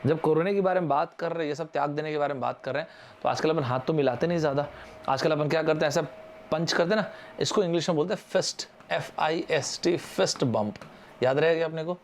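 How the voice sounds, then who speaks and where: A man's voice: fairly high pitch, fast, a little hiss or hum. A young man from India teaching vocabulary in a live online exam-prep lesson, chatty and informal, spelling words out letter by letter and asking viewers to answer in the comments.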